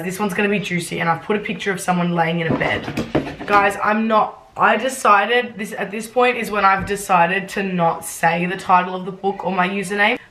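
Fast-talking young woman mocking herself. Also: on the low side, fairly bright tone, low-quality recording. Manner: cringing, swearing, mocking and laughing at herself. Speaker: vlogger. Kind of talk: reading and reacting to her old fan fiction.

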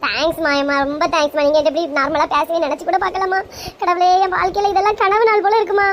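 Soft pleading daughter played by a woman, Kanyakumari Tamil accent, squeaky high voice, quick, noisy home recording. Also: level tone. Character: meek grown daughter, tender and tearful.

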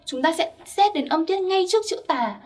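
A woman's voice: very high voice, animated, normal speed, darkish tone, recorded from a distance. A young woman teaching Korean grammar step by step, patiently checking that her listeners follow. Her first language is Vietnamese.

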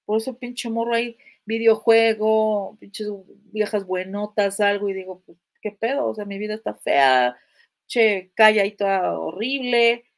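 A woman's voice: medium pitch, a little slow. A woman with a Mexican accent, a comedic psychologist chatting live and answering viewer comments in a playful, irreverent way full of crude slang. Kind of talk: casual live chat.

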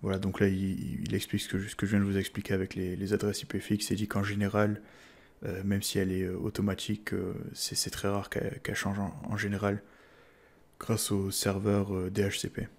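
Hesitant low-voiced French man. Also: completely flat delivery, brisk. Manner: hesitant, many "euh" fillers and repeated words. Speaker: tech tutorial host. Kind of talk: casual screen-recorded tutorial.

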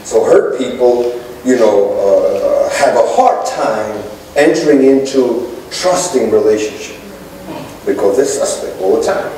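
A middle-aged pastor preaches from the pulpit to his congregation, calling out and gesturing, his mid-range voice animated, mellow and a little slow. The pulpit mic is captured from far back in the sanctuary, so the church sounds echoey and distant, with a faint hiss or hum.

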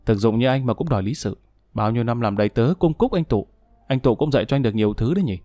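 A man's voice: medium pitch, fast talker, mellow, no room sound, natural voice. A man voicing a bitter young wife who speaks to her jailed husband in a scornful, cutting way.

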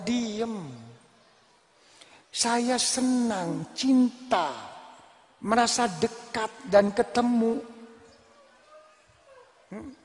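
Javanese-accented man preaching, really high voice, super slow and drawn out, lots of hall echo. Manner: drawn-out, emphatic, repeats words, asks the audience questions. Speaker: Islamic preacher. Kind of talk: sermon to a congregation. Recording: long reverb of a large hall.

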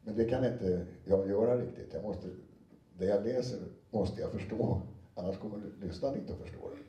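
A man's voice: lowish voice, mellow, lo-fi sound. A man who reads audiobooks gives an anecdotal talk to an audience, chatty and full of fillers and restarts. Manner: conversational, many fillers and restarts, briefly acts out quotes. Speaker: audiobook narrator giving a talk. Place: lecture room with an audience. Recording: roomy sound from a distant mic.

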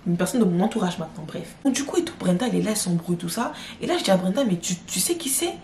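A woman's voice: on the low side, very fast, slight background noise. Young woman, casual storytime vlog, slangy, talks to viewers, roomy echo. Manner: slangy, addresses viewers directly, animated retelling. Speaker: storytelling vlogger.

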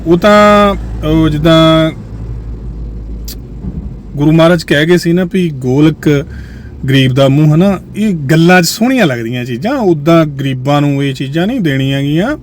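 A male host talking to viewers in a musing way, often sinking to a low quiet voice. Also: animated, normal speed, slight background noise. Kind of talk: reflective commentary to viewers.

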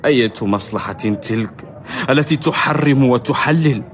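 A man's voice: mid-range voice, unhurried, lightly acted. Guy acting a principled humble barber in old history radio drama, medium voice, passionate speechy delivery. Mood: indignant. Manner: impassioned, declaiming. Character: indignant, righteous man, a humble barber.

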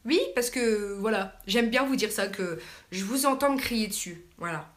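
Woman vlogger, casual live Q&A, chatty and halting, home camera mic. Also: mid-range voice. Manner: chatty, hesitant, many fillers, affectionate with viewers. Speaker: YouTuber hosting a live Q&A. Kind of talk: casual live-stream chat reading comments. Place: home, at night.

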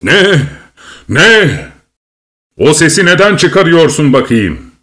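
Cruel drunken king, played by a male narrator, taunting, bursts into shouts. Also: mid-range voice, sing-song, a little slow. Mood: bellowing.

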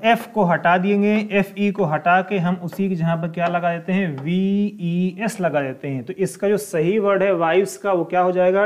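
High-voiced teacher asking questions. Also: male voice. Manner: repetitive, asks rhetorical questions and answers them. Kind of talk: classroom lesson explaining English words.

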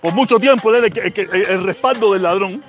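A man's voice: sits high, quick pace, dull audio, soft background music. A Cuban man with a Cuban accent, ranting heatedly on his channel, repeating himself and reading out viewer comments. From Cuba. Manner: angry, repetitive, street slang. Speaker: channel host.

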